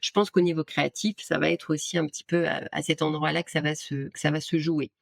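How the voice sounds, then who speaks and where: A woman's voice: low-pitched, level tone, quick pace, creaky, no echo, clean studio sound. A woman guest in casual interview talk, an art director explaining her work with many hesitations and restarts.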